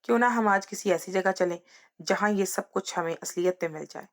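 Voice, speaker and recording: A woman's voice: mid-range voice, fairly quick, close to an everyday voice. A woman voicing a brash teenage friend. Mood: coaxing. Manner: coaxing, brash. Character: reckless teenage boy friend, coaxing.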